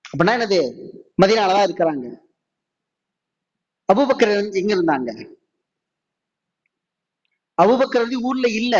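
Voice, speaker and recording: A man with a Tamil accent delivers a mosque sermon in a high voice. He asks the listeners question after question and draws out his quotations. The recording sounds dull and lo-fi. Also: a little mellow. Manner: rhetorical questions, slows down for Arabic quotes. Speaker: preacher.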